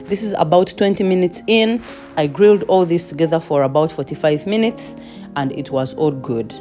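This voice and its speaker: A woman's voice: deep voice, normal speed, warm tone, faint music behind. A woman home cook giving a chatty cooking voice-over with playful asides.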